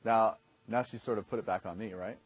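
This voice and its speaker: Here a dating coach in his thirties, his voice on the low side with a breathy edge, teaches a class a little fast and in a steady tone. He explains conversationally and keeps checking in with listeners. The recording is dry.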